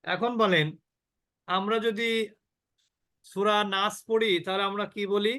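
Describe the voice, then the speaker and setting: A man with a high voice leads an online recitation class. He draws out syllables slowly to demonstrate them and keeps asking the students questions. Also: fairly even intonation, pushed and bright. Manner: slow drawn-out demonstrations of sounds, asks the class questions. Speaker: Quran recitation teacher.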